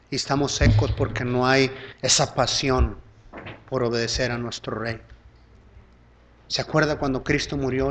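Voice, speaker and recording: A male pastor preaching a live church sermon, swinging between loud fervent peaks and hushed low pleading, constantly calling listeners "brother". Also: a little hiss or hum. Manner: addresses the congregation as "hermano" constantly.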